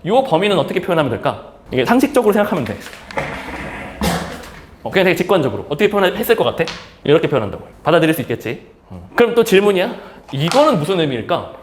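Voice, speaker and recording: This math teacher talks fast and very animatedly in a fairly high-pitched male voice, keeping his lecture casual and plain-spoken as he asks and answers his own questions. The audio is reverberant with a noisy background.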